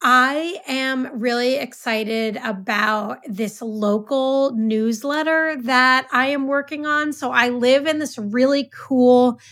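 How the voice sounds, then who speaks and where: Woman, from California, podcast co-host, chatty, enthusiastic, bright tone, dry sound. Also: high voice, slow, hardly any pauses, no room sound. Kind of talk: casual podcast chat.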